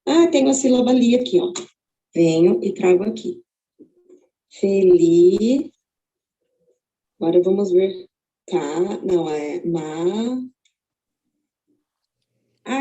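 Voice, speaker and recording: A Brazilian woman teaching, walking slowly and methodically through a braille word activity and thinking aloud as she searches. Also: mid-range voice, mellow, muffled recording. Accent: Brazilian Portuguese. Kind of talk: step-by-step spoken demonstration.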